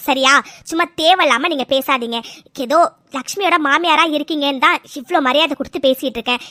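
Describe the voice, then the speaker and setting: Woman doing a bossy old cartoon grandmother, clipped and bright. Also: high-pitched. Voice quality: commanding, scolding. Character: stern old grandmother, head of a rich family. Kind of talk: cartoon voice acting.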